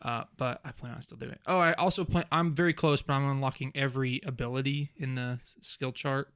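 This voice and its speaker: Guy on a podcast just chatting, bright voice, kinda rambly, dry sound. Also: mid-range voice, steady tone, a little fast, smooth, dry recording. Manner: rambling, many fillers and restarts, laughs often. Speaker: podcast co-host. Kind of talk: casual chat.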